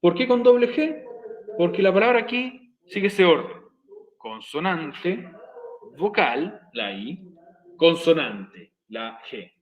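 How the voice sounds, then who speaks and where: Man, teacher, slightly high voice, slow repetitive explaining, echoey room. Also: very animated, dull audio. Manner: slow, repeating explanations step by step. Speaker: English teacher. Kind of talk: recorded video lesson.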